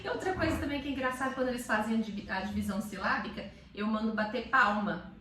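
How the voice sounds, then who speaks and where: A woman teacher explaining in casual chat, animated and calling words out aloud to demonstrate. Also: on the high side, quick pace, echoey room, far from the mic, a little hiss or hum.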